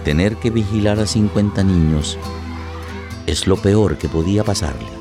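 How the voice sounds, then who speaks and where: A deep-voiced man narrates a radio drama in short, measured, deliberate phrases over prominent music.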